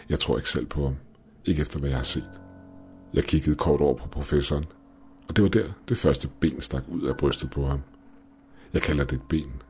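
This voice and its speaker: A man narrating a first-person horror story in a steady, measured way, with faint music behind. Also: extremely low pitch.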